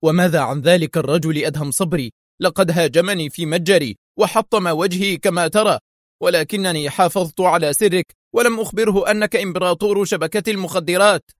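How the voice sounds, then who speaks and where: A man's voice: sits high, brisk, no room sound, clean studio sound, voice pushed up, natural voice. A man doing a nervous, battered drug dealer. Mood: agitated. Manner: agitated, pleading.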